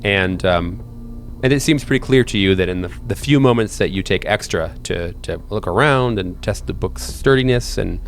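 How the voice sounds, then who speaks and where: Faint music plays behind a man with a lowish voice who is serving as game master. He improvises horror narration haltingly, often repeating words as he thinks out loud.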